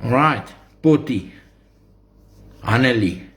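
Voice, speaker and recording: Slow-talking South African man addressing followers. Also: mid-range voice, lively intonation, a bit bright. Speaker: social media streamer. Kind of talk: live monologue addressed to followers.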